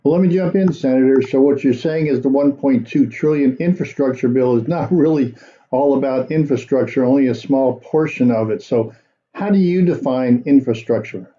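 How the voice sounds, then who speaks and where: A man hosting a political commentary show, talking in a measured, conversational way with frequent fillers. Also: medium pitch, warm tone, dull audio. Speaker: commentary host.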